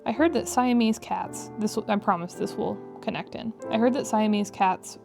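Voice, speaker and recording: A woman with a creaky vocal fry, chatting casually and wryly as she narrates a digital art tutorial. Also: medium pitch, moderate pace. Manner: chatty, wry asides with frequent "like". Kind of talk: casual rambling tutorial commentary. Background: piano music.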